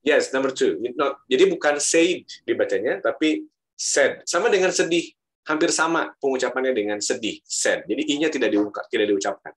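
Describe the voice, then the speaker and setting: A man's voice: mid-range voice, lively intonation, a little fast. A male university lecturer with an Indonesian accent, teaching pronunciation and repeating words aloud to model them. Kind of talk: pronunciation lesson.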